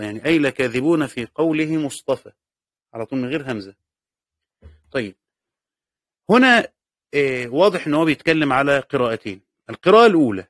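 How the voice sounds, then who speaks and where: A man's voice: fairly high pitch, fairly bright tone, dry recording, clean studio sound. A man with an Egyptian accent teaching a class. He reads a passage aloud, then explains it and repeats the key words. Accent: Egyptian Arabic. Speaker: teacher of Quran commentary. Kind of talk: classroom lecture reading and explaining a text.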